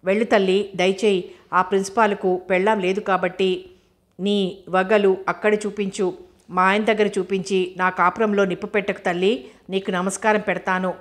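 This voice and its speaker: A woman's voice: medium pitch, little pitch movement, moderate pace, close to an everyday voice. Woman reading a bitter, jealous wife. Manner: bitter, accusing, self-pitying. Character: jealous, wailing middle-aged wife, sharp-tongued.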